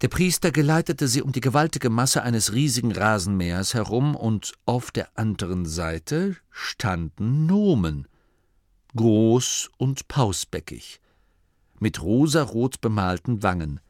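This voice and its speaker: A man reading a fantasy novel aloud as an audiobook narrator in a measured way. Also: fairly low pitch, sing-song, a little mellow, no echo, clean studio sound. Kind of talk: scripted narration.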